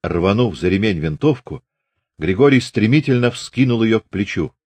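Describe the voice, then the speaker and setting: A man narrating a classic novel as an audiobook in a steady, measured reading. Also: on the low side, dry recording. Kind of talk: scripted literary narration.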